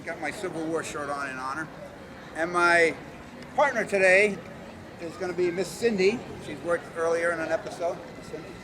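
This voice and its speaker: Outdoors on public concrete memorial steps, a martial arts instructor with a slightly high voice gives a hands-on self-defense demonstration at normal speed. He talks informally through each move, with city noise and people around him.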